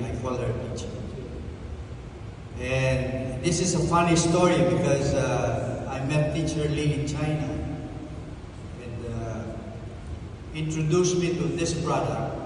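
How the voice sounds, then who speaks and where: Slow-talking 80-year-old man in an echoey hall. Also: medium pitch. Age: 80s. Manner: unhurried, with many pauses and restarts. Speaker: plastic surgeon giving a testimonial speech. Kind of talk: rambling event speech. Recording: echoey hall, mic heard from a distance, audible noise.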